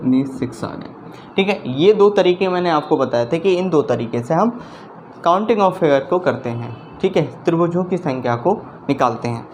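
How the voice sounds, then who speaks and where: A man teaching a math lesson in a slow, deliberate way. He repeats his steps and keeps checking that the viewer is following along. There is faint noise behind his voice. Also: fairly high pitch, a little mellow. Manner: slow, repetitive explaining, often checking understanding.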